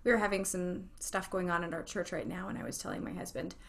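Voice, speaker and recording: A woman hosting a faith interview who talks in a lively, warm way and laughs easily. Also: fairly low pitch, fast, creaky. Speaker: host. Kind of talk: podcast interview.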